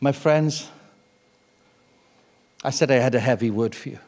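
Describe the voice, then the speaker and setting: A man in his sixties preaching a sermon, swinging between loud urgent emphasis and hushed intimate tones. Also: medium pitch, a little slow. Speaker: guest preacher. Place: church. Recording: reverberant church hall.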